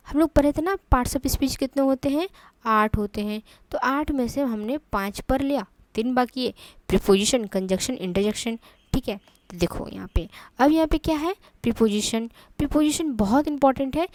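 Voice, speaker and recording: Higher-voiced Indian woman teaching grammar. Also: expressive, a little mellow, no room sound. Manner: explains step by step, repeats terms, checks with "theek hai"; reads English example sentences out slowly. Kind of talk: online grammar lesson in Hindi with English examples.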